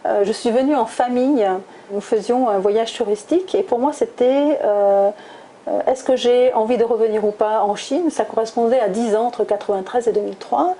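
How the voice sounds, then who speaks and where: Guest, middle-aged woman, warm and mellow, hesitant and reflective. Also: on the high side, moderate pace, a little hiss or hum, rough recording. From France, southwest (Toulouse). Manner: thoughtful, many hesitations with "euh". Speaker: guest, recruiter. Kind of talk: interview answers.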